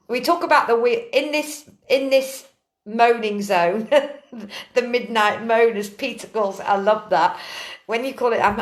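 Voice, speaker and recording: A woman hosting a casual live-stream chat from her kitchen, ranting in an animated, earthy way. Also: on the high side. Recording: roomy echo.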